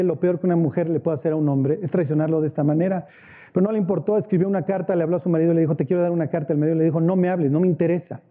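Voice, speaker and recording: A man preaching a sermon, telling a story in a lively, emphatic way. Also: high voice. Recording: tinny phone-like radio sound.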